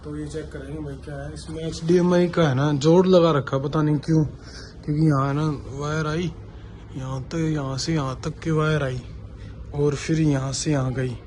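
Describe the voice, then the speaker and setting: Out on work sites, a vlogger and CCTV installer with a fairly high, darkish-toned voice chats informally to viewers, explaining his work as he does it. His voice has a flavour, with fairly even intonation and a moderate pace. Traffic and other location noise are clearly audible.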